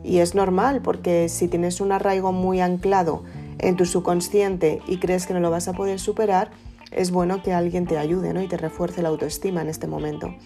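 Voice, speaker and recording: A woman speaks in a warm, low, mellow voice, offering gentle advice about letting emotions out. She talks conversationally, often tagging "¿no?" onto her points. Soft guitar music plays faintly behind her. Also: little pitch movement, normal speed. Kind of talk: casual motivational talk to camera.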